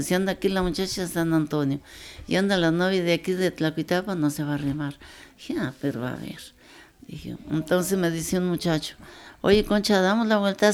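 A grandmother in her 80s relaxes into telling her life story, her voice low and gravelly. She's a lively, chatty storyteller who quotes people in dialogue, slipping into their voices, and she chuckles often as she shares family tales.

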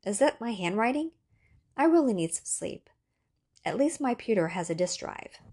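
A woman voicing a lonely, nervous man who grows frightened and tense, speaking in a slightly husky voice. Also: a little high, big pitch swings, normal speed, voice pushed up, exaggerated voice. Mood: bewildered. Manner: tense, rising to frightened shouting.

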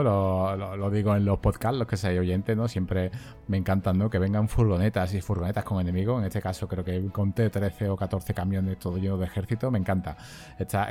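Male podcast co-host, lowish voice, halting casual film chat with tag questions. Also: warm tone.

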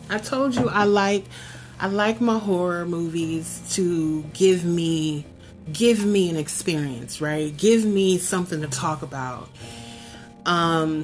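A woman in her forties talking casually and expressively about horror films, laughing often and swinging her voice up high for emphasis. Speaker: horror film reviewer. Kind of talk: casual countdown commentary.

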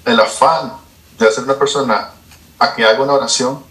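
Bright-voiced interviewer, echoey. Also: male voice, medium pitch, steady tone, fairly quick. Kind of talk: casual conversation. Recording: echoey room.

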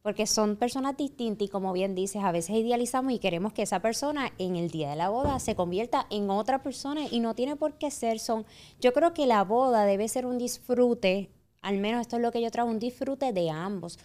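A woman's voice: fairly high pitch, brisk, a little mellow. A woman psychologist, hosting a podcast conversation and explaining relationships with reflective emphasis.

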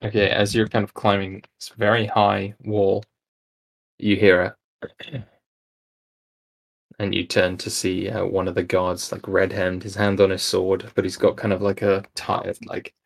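A man running a tabletop game as game master, narrating in a relaxed, hesitant way. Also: low-pitched, measured pace, creaky.

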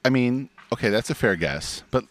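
A man with a gravelly voice co-hosting a podcast, chatting casually about sports in a teasing, conversational way. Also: medium pitch, expressive, moderate pace. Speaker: podcast co-host.

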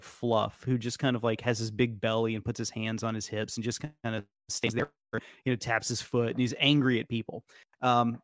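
A man in casual conversation who rambles through his points with plenty of fillers and false starts. His voice sits at a middle pitch, recorded close and dry with no room sound. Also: dry recording. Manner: rambling, many fillers and restarts, laughs often. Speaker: podcast guest. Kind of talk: casual debate chat.

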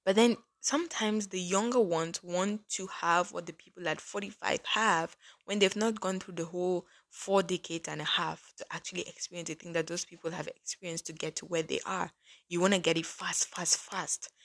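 A woman's voice: lowish voice, steady tone, normal speed. A woman in her early twenties hosting a casual faith-based podcast, chatty and earnest, with lots of "like" fillers. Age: early 20s. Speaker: podcast host.

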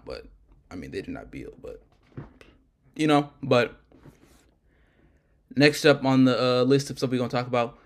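Rambling casual man talking basketball. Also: mid-range voice. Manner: loose, rambling, self-correcting. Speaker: podcast co-host. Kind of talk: casual sports chat.

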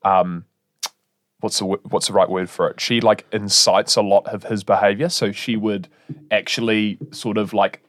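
A man's voice: on the low side, steady tone, moderate pace, no echo, studio quality. A young man co-hosting a podcast, chatting casually and rambling as he searches for words. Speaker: podcast co-host. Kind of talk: casual chat.

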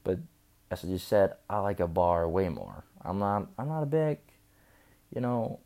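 Young man, drunk and slurring, deep-voiced, swearing casual storyteller. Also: big pitch swings, measured pace, dark tone. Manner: loose, profane, chatty. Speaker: vlogger. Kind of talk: rambling storytelling.

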